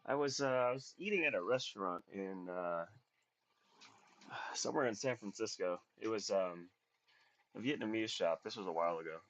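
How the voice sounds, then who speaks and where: A man's voice: lowish voice, normal speed, fairly bright tone. A man chatting casually while he works, rambling unhurriedly with plenty of fillers, in his home workshop. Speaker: maker livestreaming his workbench. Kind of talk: casual chat while working. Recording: dull lo-fi audio.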